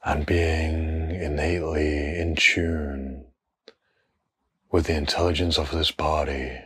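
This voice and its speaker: Here a man talks listeners through a meditation, his voice exceptionally deep with a husky, breathy grain. The pace is slow and hushed, the intonation very steady, and long pauses fall between his brief phrases.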